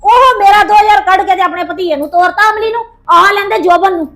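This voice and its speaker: A very high-voiced, shrill young wife, played by a woman in a home-made family drama skit. She cries out and complains without stopping, accusing her mother-in-law and demanding answers. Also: brisk. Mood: wailing, furious. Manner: loud wailing complaints, repeated cries of distress.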